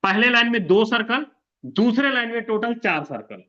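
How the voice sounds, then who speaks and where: Presenting an income plan, a man walks through a diagram step by step, repeating points and posing questions he then answers himself, with frequent use of "sir." His very high voice is expressive, pushed and bright, at a moderate pace, and the recording's highs are cut off.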